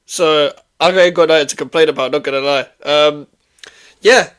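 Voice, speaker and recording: A man's voice: fairly high pitch, moderate pace, fairly bright tone, clear, resonant tone. A man chatting casually and easily in slang as a football fan panelist. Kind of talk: casual chat.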